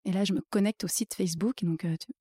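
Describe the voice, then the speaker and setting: A woman's voice: medium pitch, steady tone, fast, dark tone, breathy edge, no room sound, studio quality. A woman guest in a casual interview, telling her career story with many fillers and acting out her own inner thoughts.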